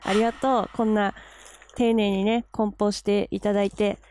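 A woman vlogging in a casual, chatty way, gushing and quick to laugh as she unboxes gear. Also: mid-range voice, flat delivery, a little mellow, slight background noise. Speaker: camera vlogger. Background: background music.

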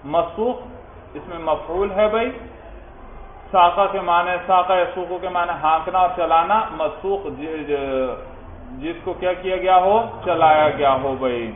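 A man giving a classroom lecture on Islamic jurisprudence, reading Arabic text aloud and explaining it, often asking questions and answering them himself. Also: high voice. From Pakistan. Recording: echoey, phone-like, lightly noisy classroom recording.

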